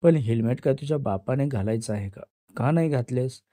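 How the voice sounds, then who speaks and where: A man voicing an arrogant, bullying male police inspector who mocks and shouts threats in a storytelling reading. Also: mid-range voice, a little fast, no room sound, clean studio sound, close to an everyday voice. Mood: mocking. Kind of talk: Marathi story narration.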